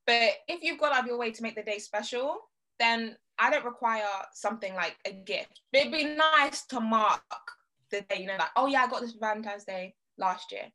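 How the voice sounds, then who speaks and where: High, bright young British woman. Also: moderate pace. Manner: emphatic, repeats phrases. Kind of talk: casual group discussion.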